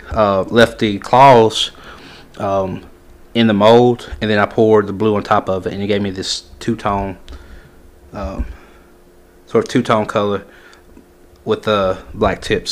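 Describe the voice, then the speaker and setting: A man's voice: on the low side, fairly even intonation, slow, long pauses. A man casually showing his homemade fishing lures at a workbench, talking in a rambling way with lots of ums and restarts. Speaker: fishing lure maker showing his baits. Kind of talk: casual how-to vlog. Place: workbench in a workshop.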